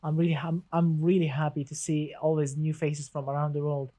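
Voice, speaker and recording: A man's voice: a little high, flat delivery, brisk, mellow. A man hosting a casual gaming live stream, chatty and enthusiastic, greeting viewers and reading the chat aloud.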